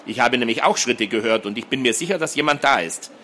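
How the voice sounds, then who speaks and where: A man reading a fantasy story and voicing a thoughtful teenage boy who talks in a measured, quiet way. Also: medium pitch, expressive, slight background noise.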